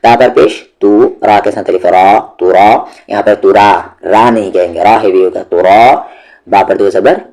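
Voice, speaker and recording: Soft music plays behind a man whose voice sits on the low side and is a little mellow. He leads a slow, stepwise tajweed lesson, patiently drilling Quran recitation syllable by syllable and stretching each out.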